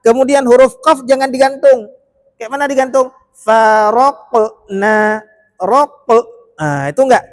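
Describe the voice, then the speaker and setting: A man's voice: extremely high pitch, expressive, a little fast, a little mellow, dry recording, studio quality. A male teacher in a mosque leading a Quran recitation lesson with an Acehnese Indonesian accent, correcting pronunciation letter by letter and chanting verses for his students to repeat.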